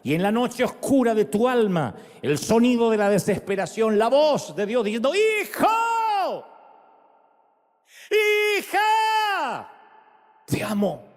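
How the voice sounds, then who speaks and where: A high-pitched man preaching as a pastor, leading prayer with fervent, rising repetitions. His voice rings through a large hall with a long reverb tail. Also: animated, normal speed, hardly any pauses. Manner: fervent, repeating words in rising shouts. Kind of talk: sermon altar call and prayer.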